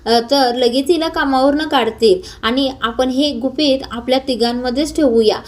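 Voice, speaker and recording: A woman voicing a scheming, sharp-tongued aunt who taunts and scolds, in a retold TV serial. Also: sits high, normal speed, close to an everyday voice. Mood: soothing.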